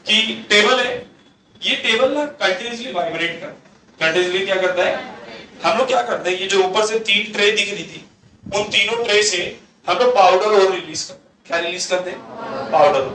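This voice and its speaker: A male lecturer mixes Hindi with English terms, quizzing the class with questions he then answers himself. His voice is high and sharp but sounds distant and off-mic in an echoey room with a faint hum.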